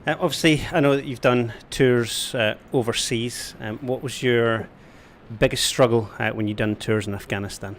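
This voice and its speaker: A man's voice: medium pitch, fairly even intonation, normal speed, a little hiss or hum. Easygoing Scottish man hosting. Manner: easygoing, laughs often, short agreeing replies. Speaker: stream host. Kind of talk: casual interview chat.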